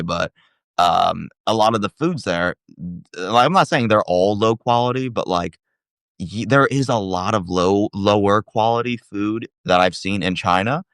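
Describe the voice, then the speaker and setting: Deep-voiced guy rambling about his trip, lots of likes and ums, dry close sound. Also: moderate pace, fairly bright tone, smooth, no room sound. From United States. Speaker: traveler sharing impressions. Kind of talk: casual conversational chat.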